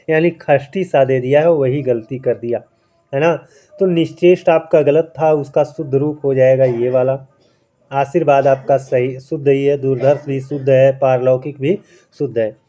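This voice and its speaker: A man's voice: fairly high pitch, mellow, dull audio. A man teaching a Hindi spelling quiz lesson. He explains step by step, asks and answers his own questions, and keeps checking in with viewers. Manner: keeps addressing viewers as friends, adds "है ना".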